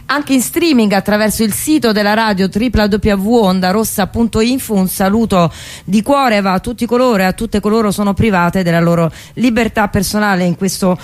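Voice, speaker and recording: A radio host with a Roman accent introduces her show briskly in a medium-pitched voice, over background music. Her style is wry and playfully literary, sprinkled with colloquial asides.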